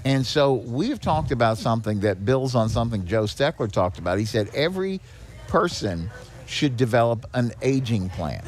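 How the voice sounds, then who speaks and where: Speaking at a normal speed in a sing-song, mid-range voice, a man who runs a seniors nonprofit as executive director talks as a guest on a podcast. His explanations are conversational, full of rhetorical questions and frequent check-ins with the listener.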